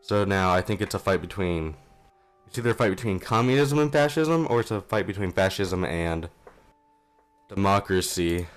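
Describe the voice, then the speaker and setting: A young man with a low, deep voice chats his way through a strategy game, rambling and self-deprecating. He talks casually from home into a modest mic. Faint game music runs underneath. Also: lively intonation, moderate pace. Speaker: gaming channel host. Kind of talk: casual let's play commentary.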